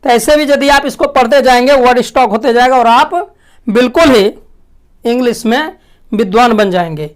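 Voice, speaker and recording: A woman teaching a language lesson, asking questions and answering them herself, clearing her throat often. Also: a little high, moderate pace. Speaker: English teacher. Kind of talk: classroom lesson.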